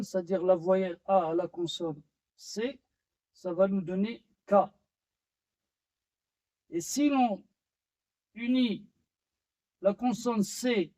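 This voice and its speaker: Very slow, halting male French teacher. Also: high-pitched, mellow, low-quality recording. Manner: slow, halting delivery with pauses and fillers. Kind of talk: slow classroom-style lesson.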